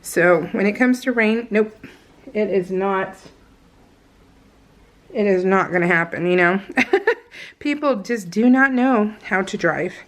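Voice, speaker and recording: This craft vlogger talks in a slow, mid-range voice, pausing often as she giggles and meanders through a casual chat about her scrapbook pages.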